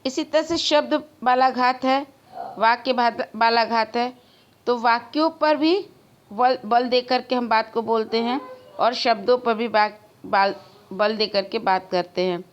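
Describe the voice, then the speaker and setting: A woman teaching a school grammar lesson, speaking slowly and deliberately. Her voice sits a little high. She repeats key words for emphasis and answers her own questions for the class. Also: lo-fi sound.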